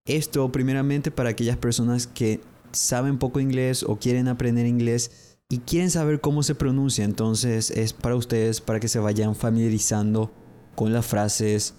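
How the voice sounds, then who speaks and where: A young man teaches English on a podcast, speaking directly to his listeners. His voice is mellow and warm at a middle pitch. He slows right down to say each model phrase twice. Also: level tone, smooth. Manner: slow, drawn-out model pronunciations repeated twice; explanatory, addresses listeners directly. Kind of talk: podcast language lesson.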